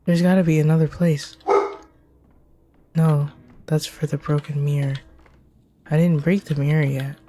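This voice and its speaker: A woman's voice: deep voice, fairly even intonation, measured pace, long pauses, dark tone, slight background noise. A woman streaming a game, talking to herself anxiously and repeating her questions as she plays. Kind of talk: live gameplay commentary.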